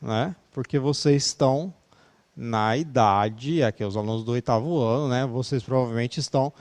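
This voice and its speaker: A man's voice: medium pitch, normal speed, darkish tone. A male English teacher with a Brazilian Portuguese accent leads an online class, chatty and easygoing, laughing easily and ending sentences with "né".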